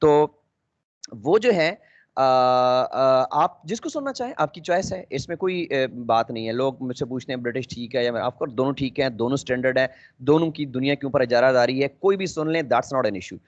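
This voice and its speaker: A man giving a spoken English lesson, explaining step by step, mixing in English phrases and pausing with fillers. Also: medium pitch, lively intonation. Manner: explanatory, mixes English phrases, frequent 'uh' pauses. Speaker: English teacher. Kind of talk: lecture lesson. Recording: dull lo-fi audio.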